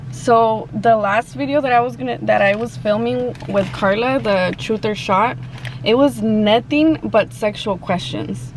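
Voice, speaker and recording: A woman chatting casually and haltingly to viewers in slangy, informal speech while eating, sometimes with her mouth full. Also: mid-range voice. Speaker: mukbang vlogger. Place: open-top Jeep outdoors. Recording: clear car and outdoor ambient noise.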